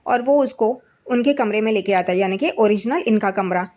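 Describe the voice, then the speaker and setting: A woman casually recaps an episode of a TV serial in a conversational way, lifting her pitch slightly when she reads the characters' quotes. She speaks at a moderate pace in a slightly mellow voice.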